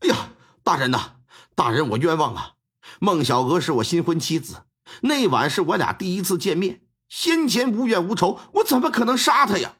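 Storyteller as a timid young son: earnest, pleading, slightly raised pitch. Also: male voice, big pitch swings, moderate pace, fairly bright tone, husky, heavily acted. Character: young male son, timid, protesting innocence.

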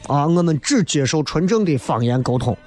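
A man's voice: fairly high pitch, animated, a little fast, darkish tone. A man from Xi'an with a Shaanxi accent, hosting a humorous, colloquial monologue and slipping into mimicry for comic effect. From Xi'an, Shaanxi, China. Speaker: comedy show host. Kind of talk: humorous observational monologue on local dialect and city life.

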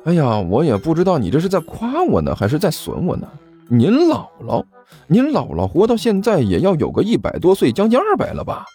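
Man voicing a salesy landlord, persuasive, stammering, lively pitch, storybook. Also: brisk, slightly rough, soft background music, full character voice. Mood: wheedling, wary. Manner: chatty, persuasive, nervous stammer. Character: middle-aged male landlord, wheedling and nervous.

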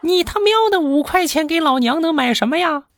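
A man's voice: very high-pitched, fairly quick, music in the background, pitched above the performer's own voice. A man voicing a furious, screeching wife who scolds her husband. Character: furious shrieking wife, middle-aged woman.

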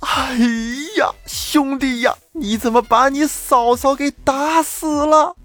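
A man's voice: extremely high pitch, steady tone, slow pace, a bit bright, faint music behind, pitched above the performer's own voice, heavily acted. A man voicing a timid, cowardly elder brother who frets and pleads in a raised voice. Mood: dismayed. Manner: fretful, pleading.

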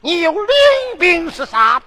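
A woman playing a stern, mocking old king father in a traditional local opera, declaiming loudly in a sing-song way with a Henan accent. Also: extremely high pitch, lively intonation, unhurried, full character voice.

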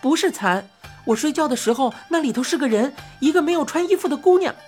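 A woman voicing a young girl in a storybook, who speaks in an excited, protesting way. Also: high-pitched, fast talker, faint music behind, voice pushed up. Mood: indignant. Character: young girl, alarmed and indignant.

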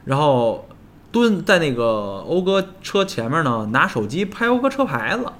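一名带北京口音的男性联合主持，随意闲聊，讲经过时会模仿别人说话。. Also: male voice, on the high side, sing-song, normal speed, fairly bright tone. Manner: storytelling, acts out quoted lines. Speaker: podcast co-host. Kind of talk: casual chat.

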